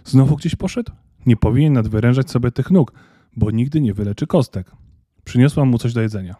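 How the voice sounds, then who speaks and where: A man voicing a quick, bossy, caring young female elf in a storybook reading, with a brisk, fussing manner. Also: mid-range voice, expressive, warm tone, slightly rough, no room sound, clean studio sound. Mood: worried.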